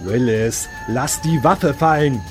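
A man's voice: medium pitch, animated, normal speed, close to an everyday voice. A man doing an earnest, urging partner. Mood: urgent. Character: weary, decent man, pleading partner. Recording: read over loud background music.

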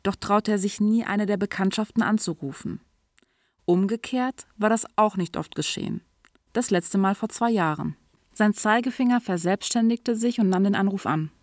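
A woman reading a story aloud in an even, clear storytelling manner, now and then lightly voicing the characters. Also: mid-range voice, moderate pace, no room sound. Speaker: narrator. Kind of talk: audiobook reading.

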